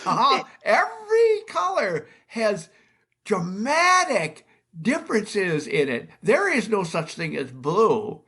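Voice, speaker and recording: A man speaks slowly and thinks out loud, his pitch swinging up and down with a lot of life. His chuckling asides keep the conversation loose and casual. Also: huge pitch swings, breathy edge. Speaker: podcast host.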